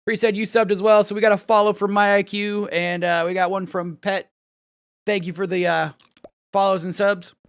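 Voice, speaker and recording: Chatty male streamer with a bright, high voice. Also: normal speed, clean tone, no echo, clean studio sound. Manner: chatty, reads out chat, thanks viewers, bursts of excited laughter. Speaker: live streamer. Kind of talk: casual live-stream chat.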